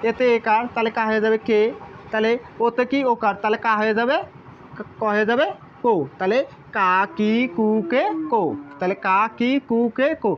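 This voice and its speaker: A woman's voice: a little high, steady tone, normal speed, a little hiss or hum. A woman with a Bangladeshi Bengali accent, a language teacher patiently explaining and drilling syllables one by one. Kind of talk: explaining at a board. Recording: slightly dull lo-fi recording.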